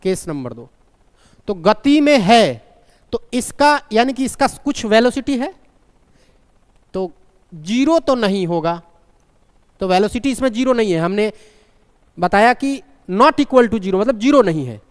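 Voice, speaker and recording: A man with a high, smooth, resonant voice teaches a live online physics class in an unhurried, sing-song way with long pauses, constantly questioning his students and repeating the key point. He slips terms into his sentences, and a long reverb suggests a large room.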